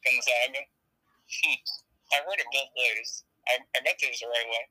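A man's voice: medium pitch, steady tone, normal speed, pushed and bright, no room sound, poor audio. A man, a guest on a sports podcast, musing hesitantly over his picks in casual chat.

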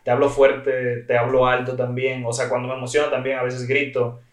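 A man's voice: mid-range voice, monotone, a little fast. A man talking as a podcast guest in chatty casual conversation, often filling with repeated phrases. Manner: chatty, talkative, repeats "o sea". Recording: roomy echo.

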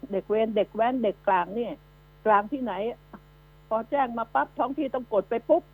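A woman's voice: on the high side, warm tone. A woman hosting a radio news commentary show, scolding and emphatic, firing rhetorical questions at her listeners. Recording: narrow phone-like radio line with mains hum.

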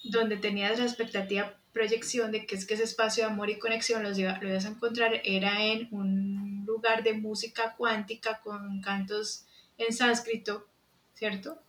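A woman speaking as a coach, calmly explaining and reframing the other speaker's experience. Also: mid-range voice, normal speed, slight background noise. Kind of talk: reflective coaching talk. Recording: roomy echo.

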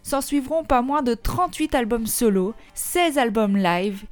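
A podcast host with a Belgian French accent reads a script for her music-history podcast, adding chatty, joking asides. Her voice is a little high and animated, and she speaks a little slowly.

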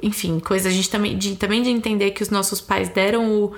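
A woman's voice: mid-range voice, steady tone, fairly quick. A young adult woman with a Brazilian accent, a mother in a casual chat who explains thoughtfully and acts out what she tells her small child. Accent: Brazilian Portuguese. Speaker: mother discussing parenting.

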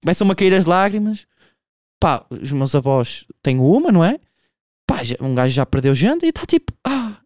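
A man's voice: fairly high pitch, very animated, moderate pace, darkish tone, dry recording, studio quality. A young man doing a casual, profane stand-up monologue, telling a story with vocal impressions. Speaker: stand-up comedian.

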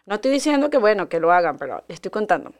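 A woman's voice: medium pitch, sing-song, racing. A woman, chatting casually and confidingly as a podcast host. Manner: chatty and confiding, reads friends' messages aloud. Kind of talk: casual solo podcast chat.

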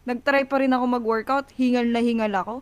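A woman's voice: on the high side, fairly even intonation, brisk, clear, resonant tone, no room sound. Chatty woman coach, dry close sound. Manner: chatty, laughs often, frank. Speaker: fitness coach and livestream host. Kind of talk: casual chat on a livestream.

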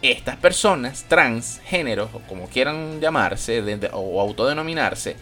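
A man's voice: mid-range voice, animated, a little slow, sharp tone, faint music behind. A man with a Venezuelan accent giving a crude, blunt, mocking opinion rant to his viewers. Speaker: opinion vlogger.

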